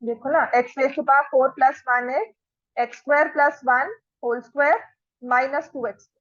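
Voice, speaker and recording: A woman's voice: sits high, steady tone, no room sound, muffled recording. A woman with an Indian accent teaching a maths class in a classroom, working through steps aloud in a mix of Hindi and English. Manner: dictates steps slowly, mixes Hindi and English.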